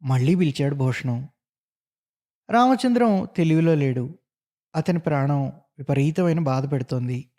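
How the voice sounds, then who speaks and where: Dramatic male storyteller with a mellow voice. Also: fairly high pitch. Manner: dramatic storytelling with acted dialogue. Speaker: podcast story narrator. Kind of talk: reading a short story aloud.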